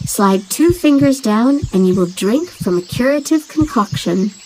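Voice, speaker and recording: A woman voicing a loyal talking dove who guides the player through a game tutorial in a clear, instructive tone. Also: on the high side, lively intonation, measured pace, darkish tone, slight background noise, poor audio.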